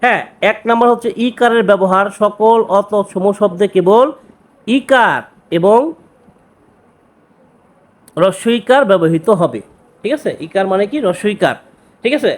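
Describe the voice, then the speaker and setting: Guy teacher going over exam grammar, fairly high voice, keeps repeating words and asking "okay?". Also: expressive. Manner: repeats key words, asks quick check questions. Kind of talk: exam-prep grammar lesson.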